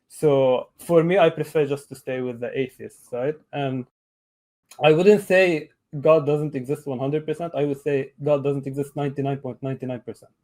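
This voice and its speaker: Man in his thirties, from Lebanon, video call, hesitant and halting, mellow warm tone. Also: mid-range voice. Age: 30s. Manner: hesitant, many fillers and restarts. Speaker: caller. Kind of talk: casual debate on a video call.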